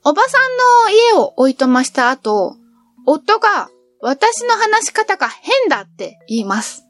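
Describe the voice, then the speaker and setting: A woman's voice: very high-pitched, sing-song, unhurried, a bit bright, no echo, faint music behind. A middle-aged woman narrating her train trip in a cheerful, chatty storytelling manner. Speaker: travel vlogger. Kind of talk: scripted travel narration.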